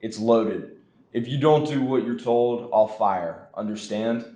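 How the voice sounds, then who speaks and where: A brutish storybook robber snarls his threats, voiced by a man reading aloud. The voice sits fairly low and the room echoes. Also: slow pace, mellow. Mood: menacing. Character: menacing brutish male robber. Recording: roomy echo.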